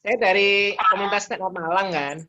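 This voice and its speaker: A man's voice: high voice, brisk, very noisy. A man calling in from a stand-up comedy community, chatting casually and rambling a bit. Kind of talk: casual phone-in chat.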